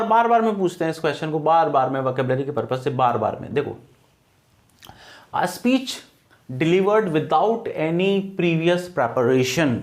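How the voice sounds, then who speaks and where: A man teaching an exam-prep English lesson, with a voice that sits a little higher than most men's. He keeps asking his students a question and then answering it himself, and he stretches out the key words so they stick.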